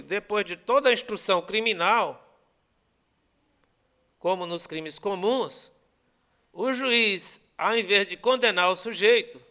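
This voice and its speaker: A man's voice: sits high, sharp tone, clear, resonant tone. A man with a Brazilian accent giving a recorded law lecture, explaining step by step and checking in with students often. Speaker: law teacher.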